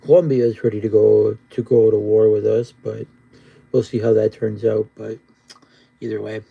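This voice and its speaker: A man's voice: fairly low pitch, flat delivery, normal speed, creaky, husky, phone-quality sound. A man live streaming casual, rambling chat in a laid-back stoner drawl, often repeating himself. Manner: repetitive, rambling.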